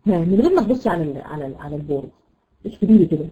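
A woman with an Egyptian accent teaching a Quran recitation lesson, explaining patiently, repeating words and checking understanding with quick questions. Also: on the low side, expressive, mellow, muffled recording. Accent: Egyptian Arabic. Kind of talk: classroom lesson.

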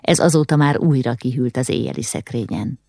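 Low-voiced woman reading a novel. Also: creaky, dry recording, clean studio sound. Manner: measured, steady storytelling. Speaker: audiobook narrator. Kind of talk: scripted audiobook narration.

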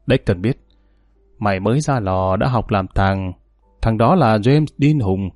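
A man's voice: fairly low pitch, unhurried, darkish tone, no echo, faint music behind, close to an everyday voice. A man reading an audiobook, voicing a hot-headed, scornful young male thug. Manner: scornful, snarling.

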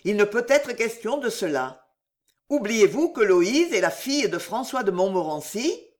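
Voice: mid-range voice, big pitch swings, normal speed, voice pushed up, natural voice. A reader voicing a young knight, a sad and respectful son, in an audiobook. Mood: earnest. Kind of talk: audiobook character reading.

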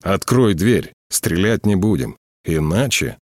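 A man's voice: low voice, lively intonation, slow, a little mellow, no echo, studio quality. A man reading an audiobook, voicing a firm male police officer urging a suspect through a door.

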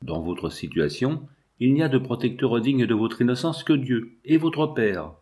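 A man's voice: medium pitch, expressive, normal speed, darkish tone, close to an everyday voice. A man reading the letter of a cautious governor in a formal, solemn manner. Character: stern, cautious male governor writing a letter.

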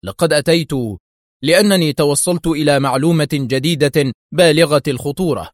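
A man's voice: fairly high pitch, fairly quick, dry recording, studio quality, pitched above the performer's own voice, natural voice. A man voicing a nervous, battered male drug dealer in an audiobook, speaking in an agitated, pleading way. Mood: stern.

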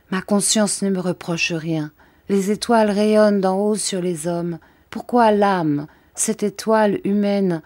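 A woman's voice: lowish voice, mellow, close to an everyday voice. A woman reading as an anguished devout countess. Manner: pleading, tormented. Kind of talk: audiobook reading.

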